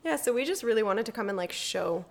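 A woman's voice: on the high side, animated, quick pace, vocal fry. A woman co-hosting a podcast in casual chat, enthusiastic, swearing freely and laughing often. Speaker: podcast co-host.

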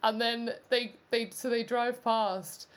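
A woman's voice: on the high side, fairly even intonation, slow, crowd noise. A woman co-hosting a podcast, chatting casually about a film, rambling with many restarts. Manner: rambling, full of fillers and restarts, laughs often. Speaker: podcast co-host.

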